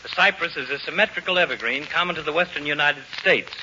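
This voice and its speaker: An actor playing a pompous, sardonic middle-aged doctor in a 1940s radio comedy, wordy and dryly teasing. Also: male voice, fairly high pitch, quick pace, natural voice. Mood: learned. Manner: learned, dryly mocking, wordy. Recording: noisy, narrow-band old radio recording.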